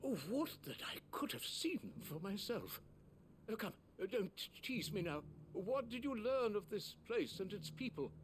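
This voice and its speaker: An actor playing a fussy, curious old male scholar in a video game, speaking with an eager, breathy voice. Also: high voice, sing-song, moderate pace. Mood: scholarly, eager. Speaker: game character. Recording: game audio with background noise.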